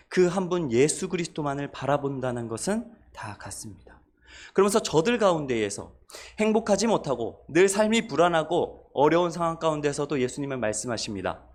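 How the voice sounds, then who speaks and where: A man preaching a sermon as pastor, asking the congregation questions and rising on repeated refrains. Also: on the high side.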